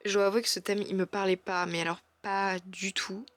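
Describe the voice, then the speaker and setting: A woman talks through her own drawings in a relaxed vlog voice-over. She is chatty and halting, often pausing on fillers and restarting her sentences. She speaks with frank self-criticism about her work. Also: medium pitch, no echo. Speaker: art vlogger.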